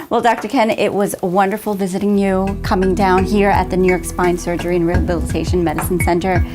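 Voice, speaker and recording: A woman's voice: on the low side, flat delivery, brisk, over music. A woman hosting a TV interview show, asking questions and heaping praise on her guest. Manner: effusive, complimentary. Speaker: TV show host.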